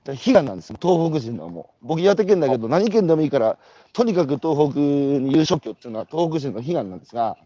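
A man's voice: a little high, fast talker, dry recording, dull audio. A man from Iwate with a Tohoku accent, hosting a walking interview and telling stories with rhetorical questions. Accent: Tohoku Japanese. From Iwate, Japan. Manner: animated, storytelling with rhetorical questions. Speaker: host. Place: outdoors, walking.

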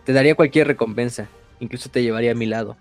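A man with a Mexican accent voicing a gentle, godlike father figure, retelling his words solemnly in a near-normal voice. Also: mid-range voice, rapid-fire, dry recording, soft background music, close to an everyday voice. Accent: Mexican Spanish.

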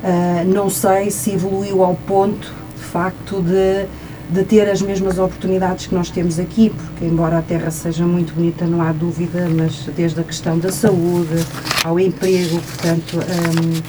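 A woman's voice: lowish voice, flat delivery, moderate pace. A woman from northern Portugal with a European Portuguese accent, speaking casually as a guest in a radio interview. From Trás-os-Montes, northern Portugal. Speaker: studio guest, a doctor by title. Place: radio studio. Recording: noticeable background noise.

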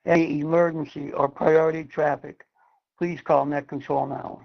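Gravelly radio operator on fading shortwave. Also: male voice, a little high, level tone. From Massachusetts, USA. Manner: measured, formal on-air calling, spells call signs phonetically. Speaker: net control operator. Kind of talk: amateur radio net procedure. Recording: dull lo-fi radio sound.

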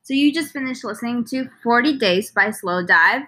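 A woman in her early twenties co-hosting a radio show, quippy and quick to laugh in casual chat. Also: a little high, animated, bright, forceful tone.

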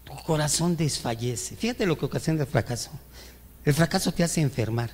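This male pastor's voice is on the high side, expressive, brisk and darkish in tone. Preaching in a church, captured in a reverberant hall, he fires rhetorical questions at the congregation and acts out whiny complaints to God.

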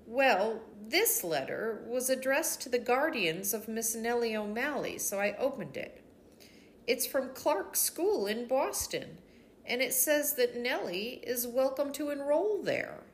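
A woman's voice: a little high, very animated, measured pace, a little hiss or hum, voice pushed up. An older woman reading aloud, voicing a troubled uncle who speaks hesitantly about a letter. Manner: hesitant, subdued delivery.

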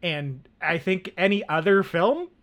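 A man's voice: high-pitched, animated, unhurried, a bit bright. A man co-hosting a film podcast, talking casually with lots of fillers and restarts. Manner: rambling, many fillers and restarts. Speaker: podcast co-host.

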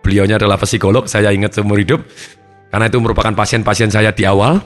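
A man teaching a seminar audience as a habit-change therapist, lively and acting out little scenes and sounds as he explains. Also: lowish voice, fast talker, faint music behind.

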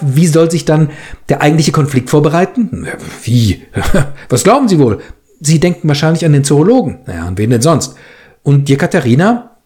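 Male reader, lively pitch, acts out characters, chatty asides. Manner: acts out both quarrelling characters; chatty, amused commentary with laughs. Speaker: reader of a story. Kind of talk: dramatic reading with commentary.

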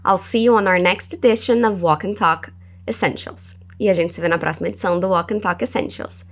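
A woman with a Brazilian Portuguese accent hosting a language lesson podcast. She is encouraging and slows down to model English words for the listener to repeat. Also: on the low side. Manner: animated and encouraging, models words slowly for repetition. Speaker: English teacher and podcast host.

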